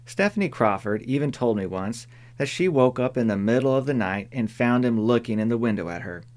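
A man voicing a sharp-tongued older woman neighbor in an audiobook, dry, firm and plain-spoken. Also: medium pitch, lively intonation, a little fast, natural voice. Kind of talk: audiobook character voice.

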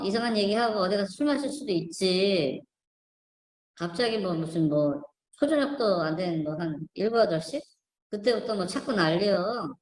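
Low-voiced woman rambling in an echoey room. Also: darkish tone. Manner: rambling, many fillers and restarts; skeptical, picking apart images on screen. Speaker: online channel host. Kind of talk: casual spoken commentary.

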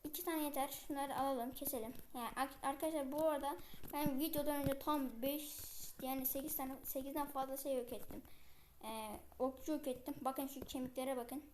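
A woman giving casual gameplay commentary, chatting to viewers with many fillers and speaking a bit loudly on purpose. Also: high voice, fairly even intonation, brisk, a little hiss or hum.

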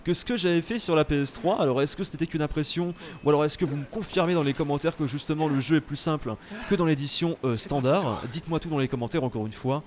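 A young French man giving casual, animated commentary while playing a video game, exclaiming at the action. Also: fairly high pitch, fast talker. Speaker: let's play host.

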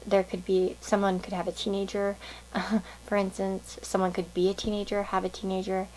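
A woman's voice: mid-range voice, monotone, moderate pace, darkish tone, a little hiss or hum, rough recording. A woman giving a casual pick-a-card tarot reading to viewers, musing and thinking aloud in a meandering way.

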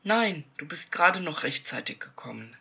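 A woman's voice: low-pitched, very animated, normal speed, vocal fry, bright, forceful tone, slightly rough, full character voice. A woman voicing a frightened young maid who speaks hastily and pleads. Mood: shaken. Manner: pleading, hasty.

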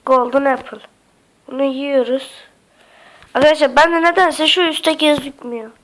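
Sounding slightly sick, with the occasional cough, a woman walks viewers through a casual Minecraft tutorial on her YouTube channel. Her voice is high-pitched and fairly bright, her pace moderate, and the recording low in quality; she chats hesitantly and treats the audience as friends.

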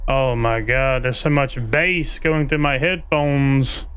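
A man's voice: medium pitch, takes it slowly, a bit bright, smooth. A man doing casual live commentary as a scared horror game streamer, muttering uneasy reactions into a desk microphone. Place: indoor streaming room. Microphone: boom microphone at a desk, headphones.

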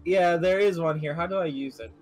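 A man's voice: on the high side, a little fast, faint music behind. A man in casual chat while playing a video game with friends, playful and full of questions.

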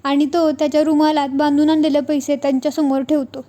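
A woman narrating a recap of a TV serial in a plain, steady storytelling manner. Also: high voice, brisk.

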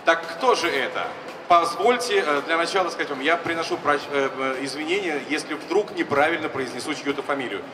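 A man's voice: a little high, fairly quick, background noise. A middle-aged man hosting a ceremony, making formal stage announcements in short phrases into a handheld microphone. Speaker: ceremony host. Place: large exhibition hall stage. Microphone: handheld microphone through PA. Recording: echoey hall PA from far off, music behind. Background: music.

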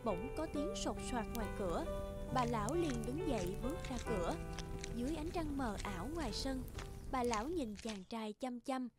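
A woman narrating a fairy-tale cartoon in a gentle, even storytelling delivery. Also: fairly high pitch, moderate pace. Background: loud background music.

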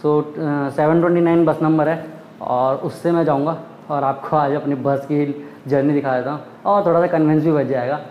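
A man's voice: on the high side, fairly even intonation, normal speed, dull audio. A young man from India, chatting casually to camera in a travel vlog. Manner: chatty, talks straight to camera with hand gestures. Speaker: vlogger. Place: busy roadside outdoors in summer heat; small room at home. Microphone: phone camera at arm's length. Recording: echoey with loud street noise. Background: street traffic.

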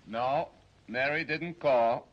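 An actor playing an excitable, melodramatic Russian roommate obsessed with astrology, on a dull old 1930s film soundtrack. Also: male voice, mid-range voice, slow pace, close to an everyday voice. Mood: solemn. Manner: melodramatic, tearful, with a heavy put-on accent.

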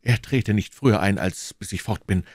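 A man's voice: on the low side, normal speed, no echo, studio quality, pitched above the performer's own voice. A man voicing a bold, devoted young swordsman in an audiobook, eager and declamatory. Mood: ardent. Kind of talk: audiobook reading, acted dialogue.

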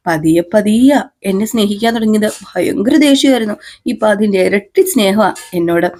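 A woman voicing a gentle, patient young wife who talks in a coaxing, pleading way. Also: medium pitch, moderate pace, close to an everyday voice. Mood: soothing.

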